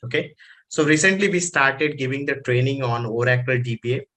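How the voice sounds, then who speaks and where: A man with an Indian accent hosts an online training session informally, speaking haltingly and often repeating himself. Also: mid-range voice, bright, forceful tone. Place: online conference call.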